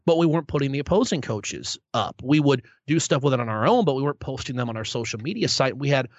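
Talking fast and animated in a mid-range voice, a young adult man, a play-by-play sports broadcaster, handles interview questions with self-deprecating good humor and many restarts. The audio is dull lo-fi with no echo.

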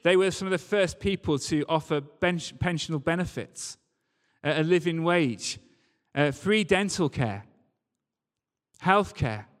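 Recorded live in a big, echoing church hall, this preacher speaks in a fairly high voice with lively intonation and an unhurried pace. His sermon is conversational and story-driven, and he leans on emphatic repetition.

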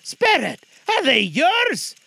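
A man voicing an anxious old miser in a storybook reading, his voice jumping high. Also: wildly swooping pitch, slow pace, gravelly, pushed and bright, full character voice. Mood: pleading.

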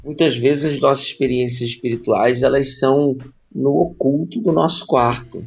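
Gravelly, husky man musing on faith. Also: mid-range voice, steady tone, moderate pace, a little mellow, muffled recording, faint music behind. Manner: reflective, restarts often with "né?". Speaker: podcast co-host. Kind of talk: casual discussion on faith.

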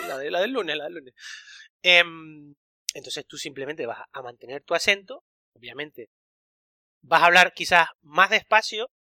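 A man co-hosting a podcast, talking in an animated, opinionated way with frequent restarts. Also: a little high, no echo. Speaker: podcast co-host. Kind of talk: casual conversation.

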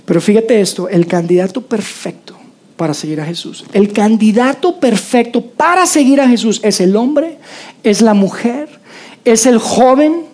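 Una predicadora con acento mexicano da un sermón en tono conversacional e imita las voces de los personajes bíblicos. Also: female voice, a little high, animated, a little slow, darkish tone. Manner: conversational, acts out voices of biblical figures. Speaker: preacher. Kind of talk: sermon.

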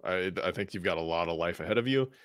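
A man's voice: deep voice, animated, quick pace, dry recording, clean studio sound. A man co-hosting a podcast, chatting casually and in a laid-back way. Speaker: podcast co-host. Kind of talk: casual chat.

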